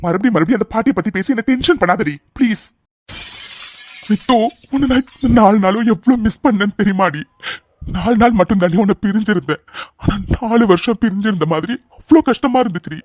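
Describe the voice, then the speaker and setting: In a cartoon dub, a man voices a protective young man who is deeply in love, speaking insistently and pleadingly. His delivery is a little fast and there's no room sound.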